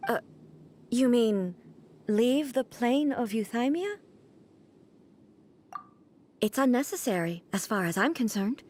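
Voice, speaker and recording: High-voiced, aloof ageless goddess. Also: female voice, expressive, darkish tone. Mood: mildly curious. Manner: measured, formal, deliberate. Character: calm, ageless female deity, aloof and proud. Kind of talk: animated game voice acting.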